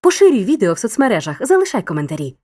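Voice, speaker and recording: A woman narrating a scripted school grammar lesson in a clear, upbeat, encouraging teacher's tone. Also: medium pitch, huge pitch swings, very fast, warm tone.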